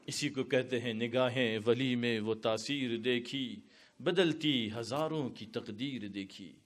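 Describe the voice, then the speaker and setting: A man from India preaching a storytelling sermon to a gathered audience, building to impassioned climaxes. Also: mid-range voice. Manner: dramatic, rising to impassioned climaxes.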